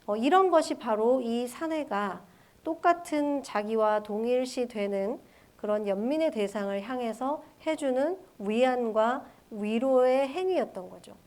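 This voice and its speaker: A woman with a somewhat high voice gives a recorded university literature lecture. She reads the poem's lines aloud, then explains them and poses rhetorical questions to the students. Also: unhurried, darkish tone. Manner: explains poem line by line, asks rhetorical questions.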